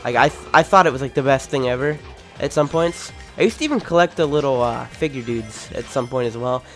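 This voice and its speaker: A young man with a lisp giving casual, rambling, excitable and jokey commentary as he plays a video game. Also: mid-range voice, a little fast. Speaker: video game let's play host. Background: video game music.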